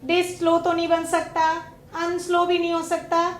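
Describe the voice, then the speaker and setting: A woman with a very high voice leads a classroom lesson. She questions her pupils and lingers over each example word. The room around her echoes. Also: completely flat delivery. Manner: slow, drawn-out stress on example words; asks pupils questions and waits. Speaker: teacher. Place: studio classroom.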